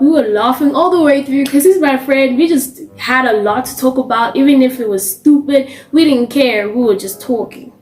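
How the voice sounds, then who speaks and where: Young woman, from South Africa, casual storytime vlog, high voice, animated, roomy sound. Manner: animated, acts out quoted lines in a high voice. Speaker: vlogger. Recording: roomy with faint music behind.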